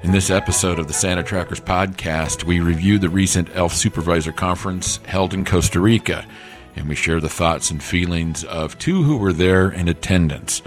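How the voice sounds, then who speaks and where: A man's voice: low voice, moderate pace, soft background music, natural voice. A man voicing a male elf radio news host who speaks with a formal newscaster delivery. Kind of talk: comedic audio podcast hosting.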